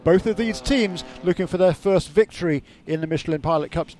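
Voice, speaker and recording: Male race co-commentator, voice a bit high, faint car noise in back. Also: a little fast, darkish tone. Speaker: motorsport co-commentator. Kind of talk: live race analysis.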